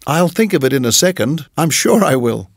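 Man reading as a puzzled, earnest young lodger, lively. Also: a little high, moderate pace, slightly rough, no room sound, studio quality, full character voice. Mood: earnest, searching. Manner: musing, hesitant, courteous. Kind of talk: audiobook character voice.

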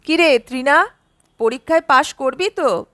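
A man's voice: extremely high pitch, animated, unhurried, bright, forceful tone, dry recording, clean studio sound, full character voice. A woman voicing a boisterous, bossy man who gives orders and teases his old friend, in an audiobook story. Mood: teasing. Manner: commanding, teasing.

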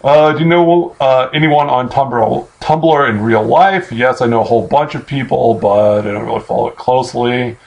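A man in his late twenties with an American accent talks casually at a medium pitch. He answers questions off the cuff, pausing to think aloud. He is recorded on a computer mic in a small bedroom. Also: creaky, darkish tone, lo-fi sound. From Missouri, United States. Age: late 20s. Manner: hesitant, halting, thinking aloud. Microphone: webcam or computer mic at arm's length.

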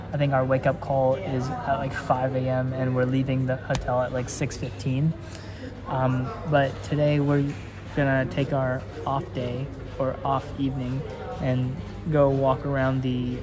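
A young man talks through a casual travel vlog in an ordinary, mid-pitched voice. He rambles loosely, stopping to correct himself and filling gaps with ums. Busy crowd chatter surrounds his voice the whole time. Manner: chatty, loose, lots of fillers and self-corrections. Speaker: travel vlogger. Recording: busy crowd noise around him.

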